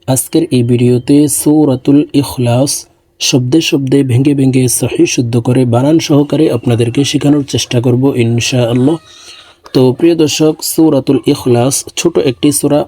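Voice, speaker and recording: A man teaching Quran recitation, spelling out letters and vowel marks slowly and carefully, then reciting in a drawn-out, melodic way. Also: medium pitch, warm tone, no room sound.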